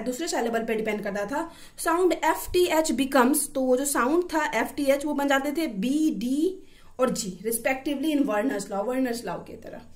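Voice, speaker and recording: A woman teaching a linguistics lesson, reading English lines slowly and then explaining each one. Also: high-pitched.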